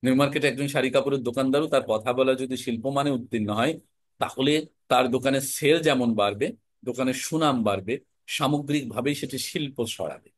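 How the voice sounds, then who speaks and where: A man teaching an online class on spoken-word art, explaining in a measured, emphatic way with deliberate pauses. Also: mid-range voice, dry recording. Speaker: recitation and voice teacher.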